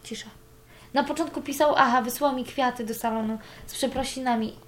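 A woman's voice: high voice, steady tone, brisk, slight background noise. A young woman giving a candid personal account, cursing freely as she talks. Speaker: interviewee.

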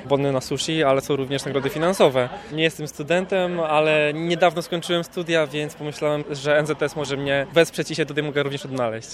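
A man's voice: fairly high pitch, steady tone, brisk, hardly any pauses. A young man in his twenties, a first-time contestant, answering a reporter modestly and casually. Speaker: contest participant. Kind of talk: interview answers.

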